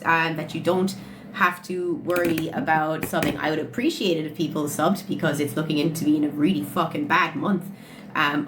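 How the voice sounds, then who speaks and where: A woman in her late twenties with an Irish accent has a lowish, fairly bright voice. On a casual phone livestream with audible background noise, she answers chat questions bluntly and swears freely.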